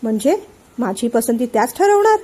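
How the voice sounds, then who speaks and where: A woman's voice: fairly high pitch, very animated, normal speed, warm tone. A woman voicing an angry, suspicious young man who keeps firing accusing questions. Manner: accusing, hot-tempered questioning.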